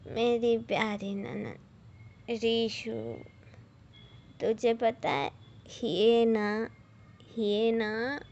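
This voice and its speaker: A tipsy young bride, stubborn and whiny, dragging her words out in a lazy drawl, as a woman reads her lines. Her voice sits a little high and comes through a dull, lo-fi recording with a faint hiss. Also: steady tone, darkish tone. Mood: tipsy teasing. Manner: drawling, slow and petulant.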